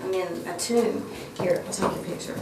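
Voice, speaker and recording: A woman's voice: mid-range voice, fairly even intonation, moderate pace, a little mellow, a little hiss or hum. A woman on a group tour chatting and exclaiming inside a cramped underground tomb, with a cave echo. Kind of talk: casual chat. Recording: echoey cave from far off, crowd behind.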